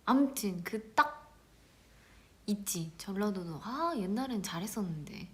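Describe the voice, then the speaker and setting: Bright, playful woman on a live stream. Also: mid-range voice. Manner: playful, giggly, often drops to a soft whisper. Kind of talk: casual live-stream chat with viewers.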